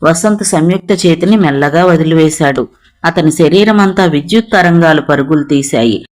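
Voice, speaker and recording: A narrator reading a novel aloud in a steady, even manner, voicing every character. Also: medium pitch, moderate pace.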